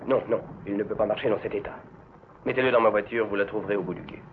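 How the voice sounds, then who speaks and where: A man playing a composed, authoritative army captain in a dubbed war film, measured and courteous but commanding. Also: lowish voice, fairly even intonation, narrow, tinny audio, slight background noise, close to an everyday voice. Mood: calm, commanding.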